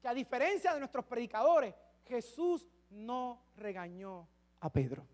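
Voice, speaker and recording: Preaching in a notably high voice, this pastor keeps things humorous and conversational with his congregation, using lively intonation at a measured pace. He dramatically shifts between hushed asides and shouted climaxes.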